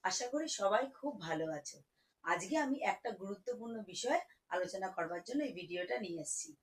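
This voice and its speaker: A woman teaching children to read, spelling words out slowly syllable by syllable. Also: mid-range voice, lively intonation, poor audio. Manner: slow, syllable-by-syllable spelling, warm teacherly coaxing. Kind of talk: children's reading lesson.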